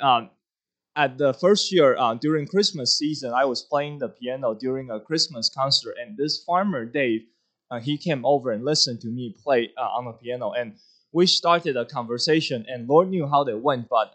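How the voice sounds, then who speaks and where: A man's voice: medium pitch, fairly bright tone. Earnest man from Taiwan giving testimony. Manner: earnest, halting with many fillers. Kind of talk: church testimony.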